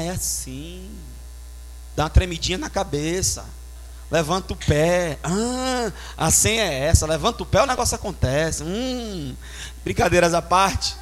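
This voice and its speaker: High-voiced pastor preaching. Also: male voice, a bit bright. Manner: emphatic, storytelling with sound effects. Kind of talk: sermon.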